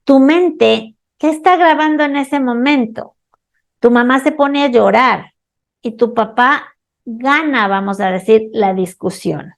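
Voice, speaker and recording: A woman hosting a radio show as a holistic therapist, speaking calmly and slowly, asking the listener questions. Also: on the high side, gravelly. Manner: calm, slow, addresses listener directly with questions. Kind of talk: scripted radio talk with examples.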